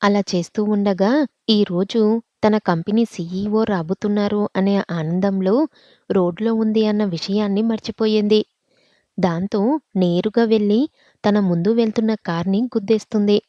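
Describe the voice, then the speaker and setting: A woman storyteller reading a scripted story with a steady, expressive delivery. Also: medium pitch, unhurried, no room sound, highs cut off.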